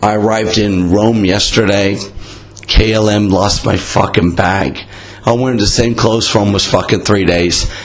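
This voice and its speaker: Hoarse, low-voiced man, casual podcast host. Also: fairly even intonation, unhurried. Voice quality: raspy, hoarse. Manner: blunt, profane, self-mocking. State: voice worn out. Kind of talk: casual rambling monologue.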